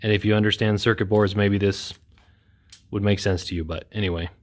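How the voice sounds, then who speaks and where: A thirtysomething man hosting a welding video talks briskly, his fairly low voice holding a fairly even intonation. The setting is an indoor workshop with a corrugated metal wall, where he walks through a casual repair demo in a plain, self-mocking way.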